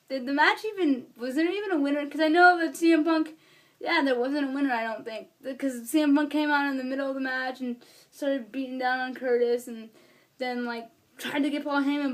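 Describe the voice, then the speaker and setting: High-voiced woman rambling through a review. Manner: rambling, apologizes for being all over the place; chatty with many fillers. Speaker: wrestling show reviewer. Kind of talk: casual vlog review.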